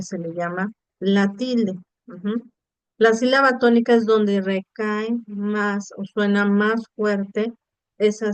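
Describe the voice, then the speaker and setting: A woman's voice: mid-range voice, clean tone, no room sound. A woman teaching an online class, explaining step by step and checking in with students. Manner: explanatory, addresses students directly with rhetorical checks. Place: online video session.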